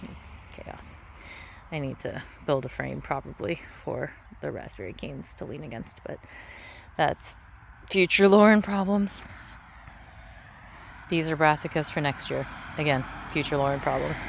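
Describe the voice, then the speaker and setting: A woman giving a casual, rambling garden tour in an offhand, self-deprecating way, recorded outdoors with a tractor rumbling behind her. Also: fairly even intonation, normal speed, vocal fry. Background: tractor rumbling, vehicle noise.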